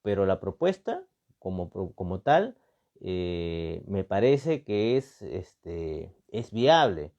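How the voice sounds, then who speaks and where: A very animated man from Peru, with a Peruvian accent, speaks slowly in a low, darkish voice, and the recording has its highs cut off. He's a political and constitutional commentator giving improvised analysis, stressing points by repeating phrases and leaning on rhetorical questions and tag words.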